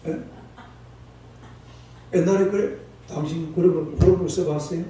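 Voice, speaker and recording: A man's voice: a little high, fairly even intonation, moderate pace, mellow. An older man in his sixties, a pastor preaching a dawn sermon in a folksy, scolding way, prompting the congregation to answer back. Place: church sanctuary. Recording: echoey church hall, mic far off, faint noise.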